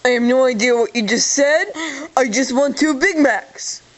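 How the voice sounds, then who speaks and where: A woman's voice: high-pitched, moderate pace. A woman making a prank phone call. She acts confused, then slips into a mock-tearful, whiny plea. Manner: feigned confusion turning into mock-tearful whining. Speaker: prank caller.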